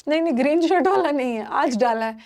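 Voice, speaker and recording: A middle-aged woman, an English teacher, giving a live online vocabulary class in a lively way, switching between Hindi and English and repeating words for her students. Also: high-pitched, quick pace.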